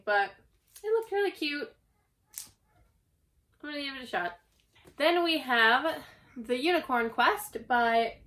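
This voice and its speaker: A young woman who hosts a book channel films a casual book haul vlog at home. Her high voice is a bit bright but hoarse since she's getting over a cough, and she's chatty, self-deprecating, and rambling.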